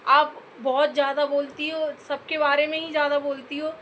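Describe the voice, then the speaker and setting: A YouTube vlogger, a woman from Uttar Pradesh with a high voice, faces the camera to rant and scold, repeatedly calling her audience "bhai" and earnestly asking them to comment. She talks at a normal speed in a level, fairly bright tone. Some slight hiss or hum is audible.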